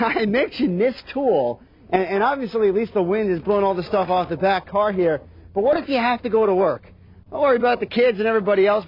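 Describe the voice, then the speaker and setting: A man's voice: high voice, dry recording. A man with a Baltimore accent doing a live outdoor weather report, upbeat and folksy, talking to viewers as folks. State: out of breath. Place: outdoors on a city street in snow. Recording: dull broadcast audio with faint noise.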